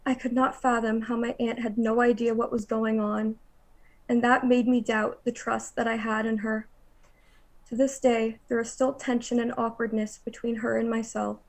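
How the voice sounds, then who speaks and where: A young woman reads a prepared court statement in a fairly high, flat voice. Her delivery stays level and measured from line to line. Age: young adult. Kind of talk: reading a court statement aloud.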